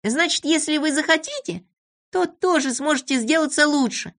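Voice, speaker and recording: Reader doing a soft kind little girl, high piping voice, coaxing, storybook. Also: lively intonation, moderate pace.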